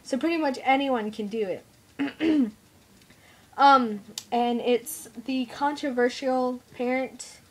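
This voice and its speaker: A young mother vlogs in a slow, unhurried way, sharing strong opinions bluntly. She sounds stuffed up and nasal because she is unwell, and her voice sits a little high for a woman. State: congested, feeling unwell. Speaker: mother vlogger. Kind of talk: casual opinion vlog.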